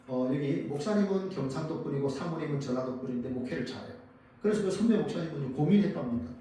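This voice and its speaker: Man preaching in an echoey church. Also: medium pitch. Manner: asks the congregation questions and answers them; dramatic rises and drops in loudness. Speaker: pastor. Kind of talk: sermon. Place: church sanctuary. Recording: very echoey church hall, mic at a distance.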